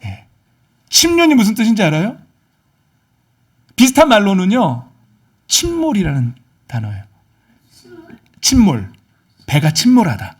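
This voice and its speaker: A man preaching a sermon as pastor, animated, swinging between loud exhortation and soft asides. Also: high-pitched, unhurried, pauses often, husky.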